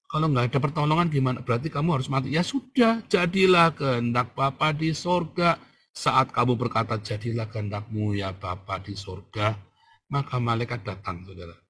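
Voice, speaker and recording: A male pastor preaching with a forceful, husky voice. He scolds his listeners bluntly, drops slangy asides, and swings between low murmurs and sudden loud outbursts. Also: normal speed. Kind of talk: sermon.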